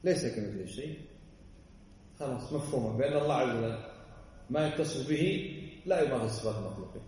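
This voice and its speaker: A man's voice: mid-range voice, lively intonation, quick pace, a little mellow. A man teaching a religious text in a lecture. He speaks emphatically and keeps firing rhetorical questions at his listeners. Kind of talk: lecture explaining a classic text. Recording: echoey hall, voice far from the mic, faint background noise.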